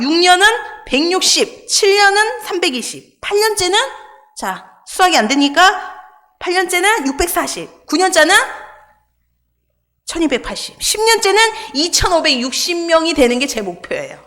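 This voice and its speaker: A woman's voice: high voice, a bit bright. A woman pastor preaching a sermon in a church, telling a personal story with humor and acting out the dialogue. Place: church sanctuary.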